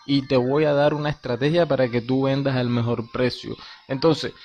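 Speaking at normal speed in a level, slightly mellow mid-range voice, a man hosting a crypto game tutorial narrates over a screen recording. He walks viewers through the game in casual slang, and the lo-fi recording has a dull quality with faint hiss.

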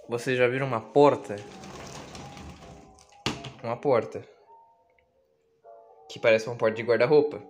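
A young Brazilian YouTuber gives a casual house tour of his kitchen and bedroom, filming on a handheld phone while lo-fi music plays. He jokes with viewers and pokes fun at himself, dropping to low mutters and then bursting out loud.

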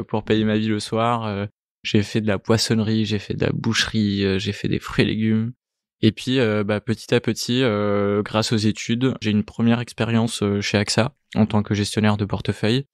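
Man in his thirties, halting. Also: on the low side, no room sound, studio quality. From Italy. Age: 30s. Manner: hesitant, many fillers and repeated words. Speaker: guest, startup co-founder. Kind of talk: casual interview answers.

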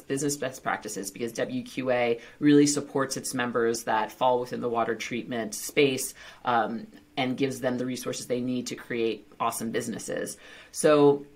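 A woman hosting a podcast interview, chatty and jokey, laughing at her own slips and restarting sentences. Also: extremely low pitch. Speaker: podcast host. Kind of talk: casual interview chat.

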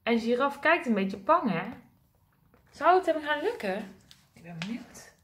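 A woman teacher reading a picture book aloud to small children, high-pitched and sing-song. She takes her time and asks the children questions about the pictures. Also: sing-song, unhurried, a bit bright, a little hiss or hum.

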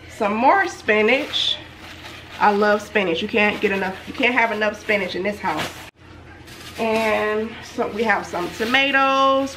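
A woman's voice: mid-range voice, background noise. A woman filming a casual grocery haul vlog at home, chatty with frequent ums and y'all, recorded on a camera mic. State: a little out of breath. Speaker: vlogger. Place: at home, in and out of doors.

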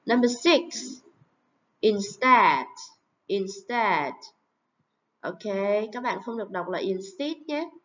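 A woman teaching English pronunciation, saying model words and example sentences slowly and carefully. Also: a little high, expressive, darkish tone. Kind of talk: pronunciation lesson. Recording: dull lo-fi recording.

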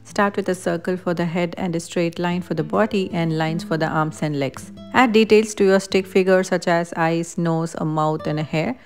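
A woman's voice: lowish voice, moderate pace, few pauses. A woman reading a scripted voice-over that explains activities step by step. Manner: even, explanatory reading of benefits. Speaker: narrator of a parenting activity video. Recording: voice-over with faint guitar music.

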